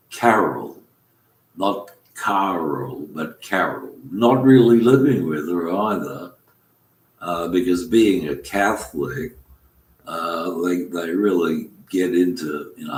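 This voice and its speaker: A man, rambling through a spoken monologue, halting often with fillers and restarts. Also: low-pitched, darkish tone. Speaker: commentator. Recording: echoey room.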